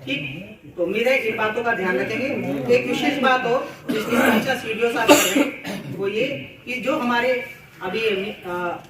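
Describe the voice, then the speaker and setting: A man's voice: very high voice, measured pace, over a noisy crowd. A man giving a presentation to fellow teachers at a cluster meeting. He explains at length, repeats words and leans on everyday examples. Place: school meeting room. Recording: echoey room, voice far from mic.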